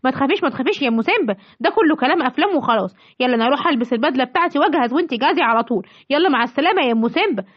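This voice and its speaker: A woman with an Egyptian accent voicing an easygoing father lion who keeps the peace in a children's story, talking fast and soothingly. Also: high-pitched, expressive. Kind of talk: home-made children's story acting. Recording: dull lo-fi recording.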